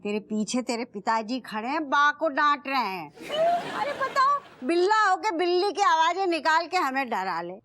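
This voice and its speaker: Sitcom matriarch, older, bossy and superstitious, high sing-song voice. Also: female voice, very animated, normal speed, bright, forceful tone, slight background noise, exaggerated voice. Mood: scolding. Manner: scolding, folksy dialect drawl. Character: bossy old mother, scolding and superstitious. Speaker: sitcom character. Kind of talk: TV sitcom acting.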